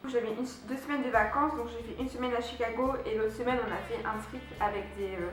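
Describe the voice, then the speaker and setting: A young French vlogger talks fast in a slightly high, steady voice, casually recapping her year abroad for viewers with plenty of fillers and restarts. The room is very echoey, and faint music plays behind her.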